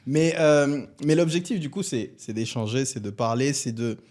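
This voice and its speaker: A man hosting a podcast, relaxed and casual, often repeating his words. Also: mid-range voice, normal speed. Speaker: podcast host.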